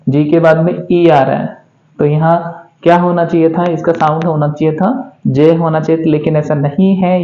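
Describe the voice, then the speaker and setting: A man's voice: fairly high pitch, warm tone. Man teaching pronunciation. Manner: asks a question and then answers it himself, spells words out letter by letter. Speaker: English teacher. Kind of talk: pronunciation lesson in Hindi. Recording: echoey room, dull lo-fi sound.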